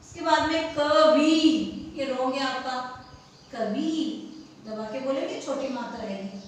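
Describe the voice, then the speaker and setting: A woman's voice: high voice, a little fast, slight background noise. A woman teaching a classroom lesson, drilling pupils with questions she answers herself and mixing in English words. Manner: mixes English words into Hindi. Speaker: school teacher. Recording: echoey classroom from far off.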